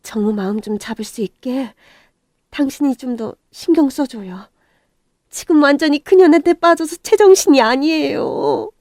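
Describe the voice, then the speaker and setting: A middle-aged woman narrates a radio drama story as the mother, moving between shrill furious shouting and hushed confession. Her voice is high. The recording is dry and close. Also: normal speed, no room sound.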